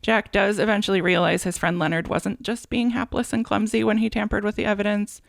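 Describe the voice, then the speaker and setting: A woman hosting a chatty true-crime podcast, with a gravelly, fry-laden voice. The sound is dry and close. She laughs easily as she reads out old newspaper quotes. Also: medium pitch, fairly even intonation, fairly quick, dry recording. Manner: laughs often while reading out old quotes. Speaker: podcast host telling a true-crime case. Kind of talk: casual storytelling chat.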